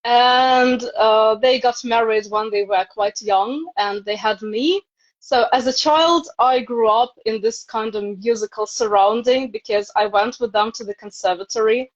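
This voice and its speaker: A Ukrainian woman in her thirties, a native speaker with a Ukrainian accent, chats casually as an interview guest on a video call. Her voice is a little high and a little slow, and the live stream sounds dull and lo-fi.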